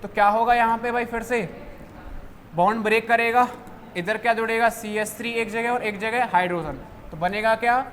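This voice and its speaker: A young man teaching a chemistry class who keeps asking questions and answering them himself, dropping low on each answer. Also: steady tone, normal speed, fairly bright tone. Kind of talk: classroom lecture. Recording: faint background noise.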